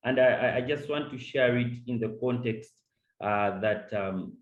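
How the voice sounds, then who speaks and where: Speaking a little slowly in a medium pitch, the Ugandan man addresses the webinar as a discussant with an earnest manner, frequently repeating words as each point gets underway. His video-call audio sounds reverberant with the high frequencies cut off.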